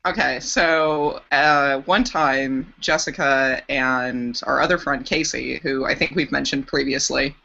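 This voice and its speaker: A woman's voice: very deep voice, steady tone, unhurried, vocal fry, few pauses, pushed and bright, lo-fi sound. A young woman co-hosting a podcast in casual chat, wry and teasing, swearing casually as she tells a story. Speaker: podcast co-host.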